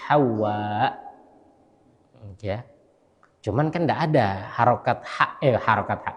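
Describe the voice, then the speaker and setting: With a lowish voice, an imam who also teaches religion leads an informal dawn study session in a large mosque, where long reverb fills the recording. He keeps the talk conversational, checking in with "ya kan?" tag questions and spelling out Arabic letters slowly.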